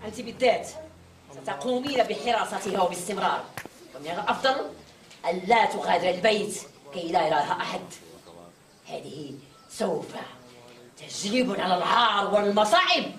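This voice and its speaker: A woman's voice: mid-range voice, animated, a little fast, a bit bright. An actress playing a strict woman giving commanding orders. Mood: scolding. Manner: commanding, scolding. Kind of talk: dubbed drama acting. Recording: echoey room from far off.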